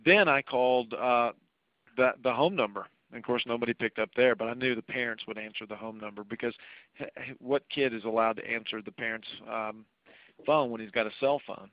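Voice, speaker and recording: A man who is a podcast guest, telling a story in a casual chat as a dramatic storyteller with deadpan menace, on a dull lo-fi recording. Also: mid-range voice, brisk, no echo.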